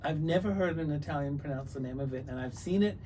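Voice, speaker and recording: A man's voice: a little high, quick pace, dark tone. An older man who grew up in New Zealand, a guest winemaker chatting casually on a podcast, rambling through stories with many restarts. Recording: distant mic, noisy room.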